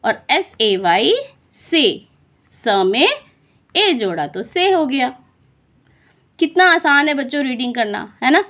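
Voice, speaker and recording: A woman teaching children to read, slowly and patiently, repeating sounds and asking questions. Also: high-pitched, sing-song, fairly bright tone. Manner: slow, patient, repeats and quizzes the listener. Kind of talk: phonics lesson for children.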